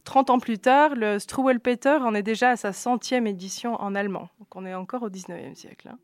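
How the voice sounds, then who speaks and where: A woman's voice: a little high, brisk, no room sound. A woman with a Belgian French accent, talking about a book on a radio show, with many hesitations and restarts. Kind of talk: casual radio book review.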